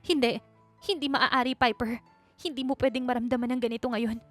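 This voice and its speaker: A woman voicing a shy, heartbroken young heiress who speaks softly and pleadingly. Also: fairly high pitch, steady tone, brisk, no room sound, faint music behind, voice pushed up, close to an everyday voice. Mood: tearful. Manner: tearful, soft and pleading.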